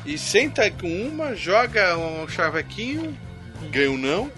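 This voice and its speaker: A Brazilian man joins a casual film chat with fast, slangy, crude remarks. His voice sits high and bright, and it swoops up and down as he talks. Faint music plays underneath. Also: very animated. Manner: quick slangy interjections, crude humor.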